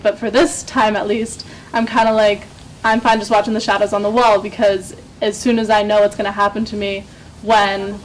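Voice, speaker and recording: A woman's voice: mid-range voice, rough recording. Teenage girl, student, thinking aloud, faint hiss, school library. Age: teens. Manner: thinks aloud, loses thread. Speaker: student participant. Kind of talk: discussion contribution.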